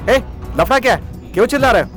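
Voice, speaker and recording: A rapid-fire, defiant servant. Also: male voice, extremely high pitch, expressive, a bit bright, faint music behind. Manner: scolding, defiant. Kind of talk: Hindi film dubbing. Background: film score.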